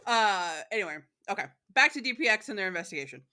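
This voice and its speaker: A woman's voice: mid-range voice, sing-song, quick pace, bright, forceful tone. Chatty, laughing woman podcast host. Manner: chatty, laughs often, many fillers. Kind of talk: casual chat.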